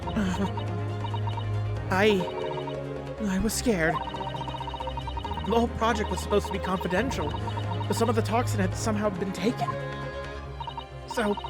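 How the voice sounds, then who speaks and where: An anxious young student from a courtroom video game, read in character by a player. The voice is mid-pitched, earnest and halting, weighed down by guilt, over prominent music. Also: close to an everyday voice.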